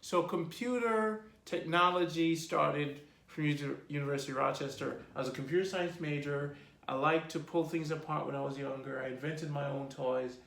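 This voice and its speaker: A man in his fifties with a Jamaican accent, telling his life story in a relaxed, rambling interview with many ums. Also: a little high, moderate pace, vocal fry. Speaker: host being interviewed by his daughter. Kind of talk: casual personal interview. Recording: echoey room.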